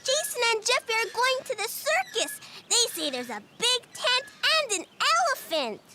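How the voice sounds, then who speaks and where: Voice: very high voice, wildly swooping pitch, moderate pace, very noisy, full character voice. An actor voicing a cheerful, impatient four-year-old boy in a cartoon. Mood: eager. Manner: childlike, whiny when upset.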